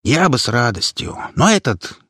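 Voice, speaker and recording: A man's voice: mid-range voice, very animated, normal speed, a bit bright, husky, dry recording, studio quality, voice pushed up. A man voicing a feisty, blunt old grandmother who scolds in folksy words. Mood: gruff scolding.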